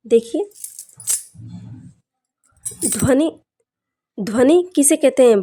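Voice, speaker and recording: Slow, deliberate Hindi teacher woman. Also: sits high, warm tone. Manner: slow, deliberate, repeats "dekhiye" often. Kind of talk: exam-prep Hindi grammar lesson.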